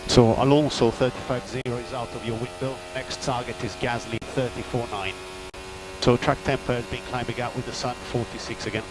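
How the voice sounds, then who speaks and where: Over team radio, a male race engineer with a medium-pitched voice delivers short, matter-of-fact technical updates in clipped phrases. Hum and mechanical noise are clearly audible behind him.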